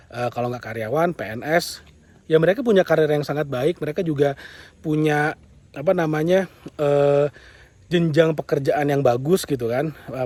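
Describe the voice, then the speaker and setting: A young man gives a motivational monologue about business in a somewhat high voice. He talks emphatically and repeats his points, now and then acting out the complaints of others. The sound is close and dry, with no room around it. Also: a little mellow, no room sound. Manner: emphatic, repetitive, acts out quoted complaints.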